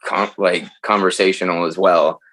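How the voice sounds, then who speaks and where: A man with a fairly low voice tells stories as a podcast guest in loose, casual talk. He is animated and swears freely. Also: moderate pace. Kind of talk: casual chat.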